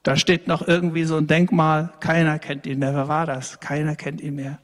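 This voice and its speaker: A man preaching a lively, conversational sermon to a congregation, speaking to them directly and often checking in with them. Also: fairly high pitch, moderate pace, in a large hall. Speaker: pastor. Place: church hall.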